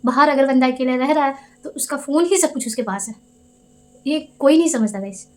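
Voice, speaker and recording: Fast-talking, high-voiced young woman vlogger. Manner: animated, indignant retelling with quoted dialogue. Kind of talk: casual storytelling vlog. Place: Delhi.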